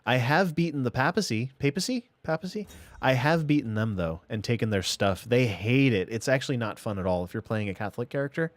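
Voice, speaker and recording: A man's voice: medium pitch, lively intonation, fairly quick, few pauses, no echo. A man streaming a strategy game live, thinking aloud and chatting casually to himself and viewers. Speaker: gaming streamer. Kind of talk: casual live gameplay commentary.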